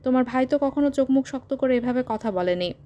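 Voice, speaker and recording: A woman voicing a bitter, irritable mother who speaks in a sharp, annoyed tone in an audio story. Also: high-pitched, fast, natural voice. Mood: irritated.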